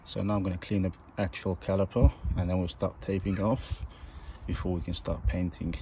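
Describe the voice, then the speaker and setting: A man's voice: deep voice, slight background noise. A man casually talking viewers through repainting his car's brake calipers while he works. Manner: relaxed, chatty, talks while working. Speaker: car vlogger. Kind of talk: casual DIY vlog narration.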